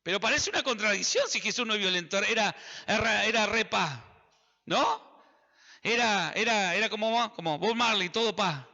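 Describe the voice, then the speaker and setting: In a large hall, a high-voiced Argentine preacher with a sharp tone delivers his sermon at normal speed. He's emphatic, repeats phrases, and speaks directly to his audience, though the audio is dull.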